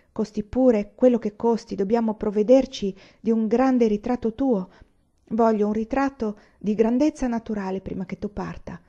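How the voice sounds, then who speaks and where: Brief: woman reading a devoted wife, subdued and gentle, warm low-key voice, audiobook. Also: muffled recording, natural voice. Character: tender, quiet Japanese wife, practical.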